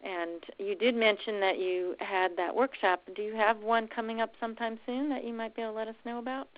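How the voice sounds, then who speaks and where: A woman hosts a monthly call, thanking her guest and wrapping up in a gracious, measured way with some fillers. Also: fairly high pitch, fairly even intonation, highs cut off. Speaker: host of a monthly call series. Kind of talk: hosting a call.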